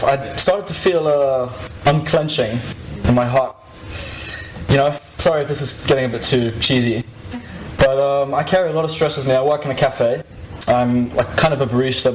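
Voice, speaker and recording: A man's voice: mid-range voice, roomy sound. Young man's informal podium speech, noisy recording. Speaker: activist giving a talk. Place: live event stage before an audience.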